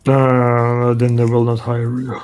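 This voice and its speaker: A man's voice: mid-range voice, monotone, slow, a little mellow, clear, resonant tone, faint music behind. A male creature artist chatting casually on a stream, with dry, offhand teasing. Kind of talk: casual chat on a live stream.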